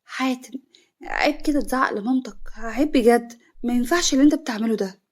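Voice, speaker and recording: A crafty young bride in an Egyptian family drama, speaking coyly and quickly, put on by a female narrator. Her voice sits at an ordinary pitch, pouting and sulky. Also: expressive, warm tone.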